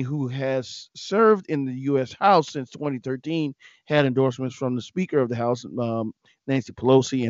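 A man's voice: medium pitch, dry recording, muffled recording. A man from South Carolina hosting a political news podcast in a chatty way, talking to listeners as folks and reading election results. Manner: chatty, addresses listeners as folks, many fillers. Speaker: podcast host.

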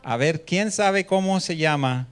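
A man's voice: on the high side, measured pace, clear, resonant tone. A man preaching a sermon in a church hall, chatting with the congregation and asking them questions, speaking through a face mask into a microphone. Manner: conversational, asks the congregation questions. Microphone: handheld mic, speaking through a face mask.

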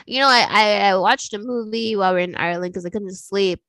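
A woman co-hosting a podcast, chatting casually about films and TV in a lively, animated way and laughing easily. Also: mid-range voice, quick pace, no echo. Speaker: podcast co-host.

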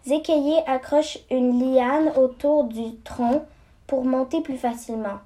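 A woman reading a children's story aloud, slow and halting, stumbling and restarting words. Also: sits high, fairly even intonation, dark tone. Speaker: story reader.

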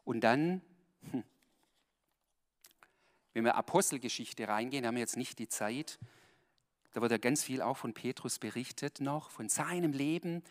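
A man's voice: mid-range voice, moderate pace, long pauses. Man preaching in a reverberant church. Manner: swings between loud emphatic bursts and hushed intimate asides; direct, colloquial, addresses listeners with "hey". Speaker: pastor. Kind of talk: sermon.

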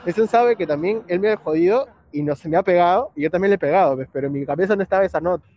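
A Peruvian man with a high-pitched voice chats in a relaxed, slang-heavy way. He laughs at his own stories. The sound is muffled and lo-fi, with faint noise behind it. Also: very fast. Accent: Peruvian Spanish. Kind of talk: casual chat. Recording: muffled lo-fi with faint background hiss.

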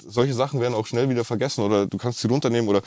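A man's voice: mid-range voice, racing, a little mellow, no echo. A man with a rolled R, talking casually and enthusiastically as a musician being interviewed. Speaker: musician, singer-songwriter guest.

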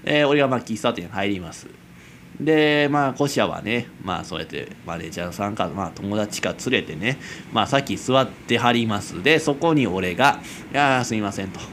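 A man's voice: fairly low pitch, normal speed, fairly bright tone, a little hiss or hum. A young man in his twenties with a Kansai accent, hosting a casual solo late-night radio-style chat, rambling and self-mocking with frequent chuckles. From Kansai, Japan. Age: 20s. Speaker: amateur radio-style host.

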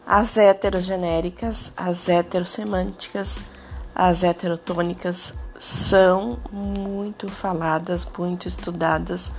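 A woman's voice: on the low side, fairly even intonation, a little slow, a little mellow, faint music behind. A Brazilian woman with a Brazilian Portuguese accent, patiently teaching a Spanish lesson and often checking in with "tá?" and "né?". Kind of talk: explanatory language lesson.

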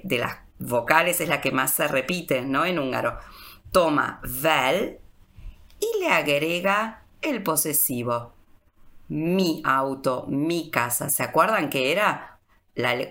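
A woman's voice: low-pitched, a bit bright. A woman giving a radio language lesson. She patiently repeats each example word several times. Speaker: Hungarian language teacher.

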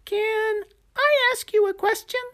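A woman doing a squeaky, chirpy little gecko. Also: measured pace, fairly bright tone. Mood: gentle. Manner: chirpy and encouraging. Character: eager cheerful little male gecko coach.

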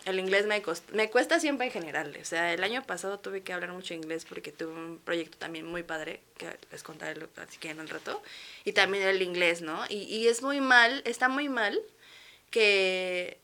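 A woman in her thirties with a Mexican accent, a guest telling stories in a relaxed, chatty way with frequent laughs. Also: on the low side, moderate pace, creaky. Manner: lively, chatty storytelling with frequent laughs and fillers. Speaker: guest architect. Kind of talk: casual interview chat.

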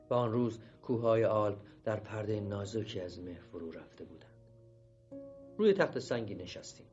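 A man reading a literary novel aloud as an audiobook narrator, in a measured, steady storytelling manner. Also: low voice. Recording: dull lo-fi recording with music beneath. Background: music.

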